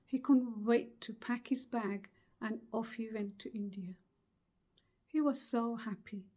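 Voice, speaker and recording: Middle-aged woman, motivational speaker, fairly high voice, unhurried and deliberate with emphatic pauses. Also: steady tone, dark tone. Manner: slow, earnest, emphatic delivery with pauses. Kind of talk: motivational webinar talk.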